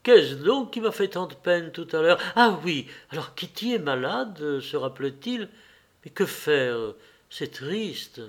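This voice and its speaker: Brief: man voicing a lovesick young nobleman, impulsive, swings eager to gloomy, slightly high. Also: expressive, unhurried. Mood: wistful.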